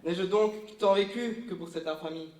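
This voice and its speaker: A man's voice: high-pitched, normal speed, darkish tone, lightly acted. A man playing his girlfriend's mother's young helper, dutifully reading classical verse aloud in a live comedy sketch. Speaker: comic stage character. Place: large echoey hall. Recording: roomy live hall sound.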